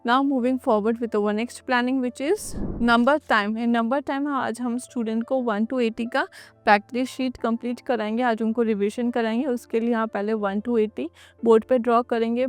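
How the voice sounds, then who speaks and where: Woman trainer walking through a lesson plan. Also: a little high. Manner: mixes Hindi with English phrases, steady explaining. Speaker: teacher trainer. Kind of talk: instructional lesson plan walkthrough.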